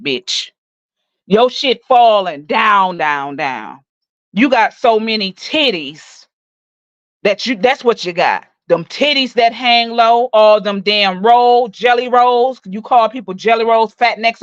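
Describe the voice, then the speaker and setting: A woman in her forties delivering a profane, mocking rant full of loud insults as she roasts someone on her stream. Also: medium pitch, no echo. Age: 40s. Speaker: livestream host. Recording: dull dry lo-fi recording.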